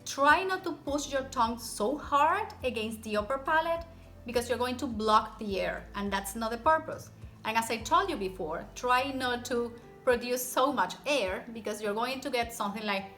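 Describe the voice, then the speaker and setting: A woman's voice: a little high, animated, normal speed, fairly bright tone, soft background music. A woman teaching pronunciation in an encouraging, step-by-step way, demonstrating rolled and tapped r sounds with repeated example words. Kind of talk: instructional language lesson to camera.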